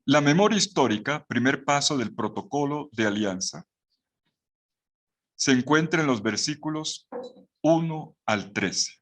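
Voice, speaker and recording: A man with a Latin American Spanish accent leads a Bible course, his voice at an ordinary middle pitch. He explains step by step, asks the listeners questions and restarts his sentences as he goes. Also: expressive, measured pace. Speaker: Bible teacher.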